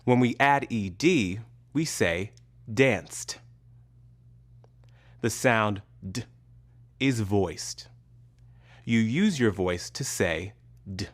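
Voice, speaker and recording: A man giving a pronunciation lesson at an extremely slow, measured pace, spelling out each sound with long pauses. His voice sits a little low, and his delivery is careful and deliberate. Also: expressive. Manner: carefully enunciated, pausing between sounds. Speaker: pronunciation teacher. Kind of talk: slow, deliberate scripted instruction.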